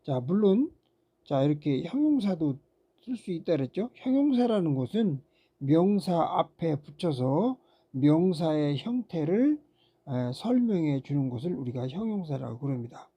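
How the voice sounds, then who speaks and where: An English teacher giving a recorded grammar lecture, patiently repeating words, pausing on fillers and asking rhetorical questions. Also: medium pitch, big pitch swings, husky, highs cut off. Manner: frequent "ja" fillers between steps.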